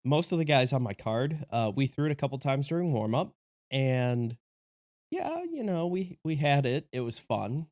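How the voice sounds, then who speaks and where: A man's voice: medium pitch, very animated, moderate pace, darkish tone, no echo, clean studio sound. A sick man whose voice sounds a little off, hosting a casual review vlog in a chatty, enthusiastic and joking way. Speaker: disc golf video host.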